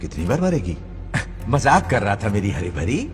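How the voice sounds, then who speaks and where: A man's voice: fairly low pitch, wildly swooping pitch, moderate pace. An actor dubbing a cheeky grandfather ghost in heaven who teases and wisecracks. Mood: teasing. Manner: teasing and wisecracking. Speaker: lead character in a dub. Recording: long reverb under music.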